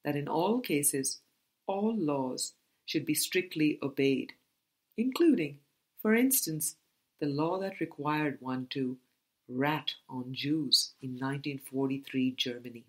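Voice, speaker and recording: A woman with a very low-pitched voice reads a scripted book passage as an audiobook reader, going very slowly. She sets out each phrase in a measured, deliberate way while staying animated.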